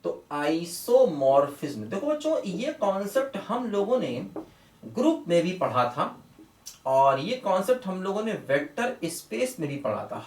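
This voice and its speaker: A man teaching a maths lecture to students online, in a fatherly way, addressing them as children and repeatedly telling them to look and pay attention. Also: high-pitched. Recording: roomy echo, mic at a distance.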